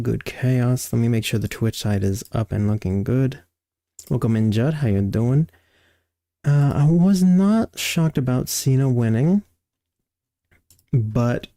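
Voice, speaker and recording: A man's voice: mid-range voice, mellow, dry recording, studio quality. A man hosting a live stream, chatting casually and greeting viewers by name, on livestream headset audio. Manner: easygoing, greets chat by name.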